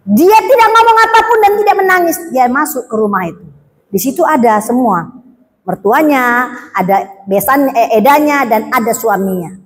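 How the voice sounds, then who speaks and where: Woman preacher, highish voice, storytelling sermon, acted-out dialogue. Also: lively intonation, moderate pace, big-room sound, poor audio. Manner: acts out dialogue, shifts between hushed and raised voice.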